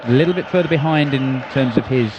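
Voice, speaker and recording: A man's voice: mid-range voice, fast talker, muffled recording, crowd noise, background noise. A man giving live darts commentary as a broadcast commentator.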